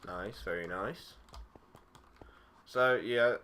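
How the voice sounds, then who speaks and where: A gaming YouTuber draws out his words in a lowish voice while casually narrating a let's-play. The young man's talk is loose and easygoing, with many fillers and self-corrections, and loud background noise and game clicks come through.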